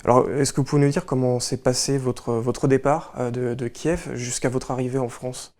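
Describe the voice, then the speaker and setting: A man's voice: mid-range voice, fairly even intonation, darkish tone. A man hosting a local weekly newspaper show, presenting the issue and then interviewing a guest with hesitant questions. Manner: brisk read-through, then hesitant questions. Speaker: host.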